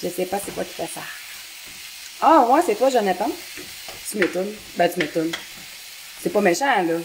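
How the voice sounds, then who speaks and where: Cooking live in her home kitchen while a pan sizzles, this Québécois-accented woman in her thirties talks fairly quickly in an animated, medium-pitched voice. She keeps up a chatty conversation with viewers, reacting to their comments, with background noise present.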